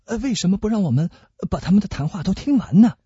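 A man's voice: sits high, lively intonation, quick pace, dark tone, slightly rough, no room sound, full character voice. A man voicing a hearty, blustering male musketeer in radio storytelling, stammering with eager fillers. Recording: dull lo-fi recording.

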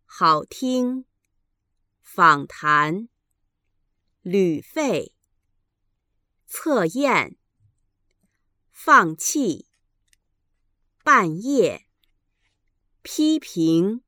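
Slow, precise woman reading drills. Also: medium pitch, very animated, sharp tone, no room sound, clean studio sound. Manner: carefully enunciated, each syllable held apart. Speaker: language teacher reading drills.

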